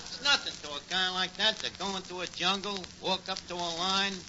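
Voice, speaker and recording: In a noisy, dull 1940s radio recording, a male sitcom lead plays a scheming, wisecracking tavern manager prone to malaprops. His high voice carries a New York accent and slangy, mock-grand phrasing, delivered at normal speed with fairly even intonation in a natural, cocky way.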